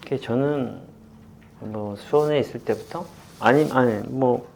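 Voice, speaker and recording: A man in his fifties, a football coach, talking through memories in an interview with many pauses and fillers. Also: mid-range voice, gravelly, a little mellow, a little hiss or hum. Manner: halting and reflective, many fillers, laughs while retelling. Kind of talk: candid interview.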